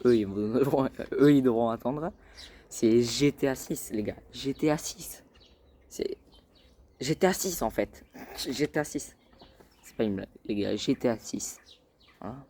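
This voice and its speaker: A man's voice: mid-range voice, a little mellow, slight background noise. A man hosting a casual gaming vlog, rambling and hesitant, with lots of fillers and repeated call-outs to his viewers. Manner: keeps addressing viewers as "les gars". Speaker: gaming channel host.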